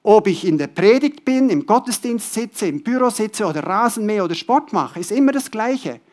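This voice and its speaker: A man preaching to his congregation in a fairly high voice. He hammers key words through repetition, pushes some phrases out loudly and lets others fall away almost to a murmur. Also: expressive, moderate pace. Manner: emphatic, swinging between loud stressed words and soft drops; repeats key words for emphasis. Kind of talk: sermon to a congregation.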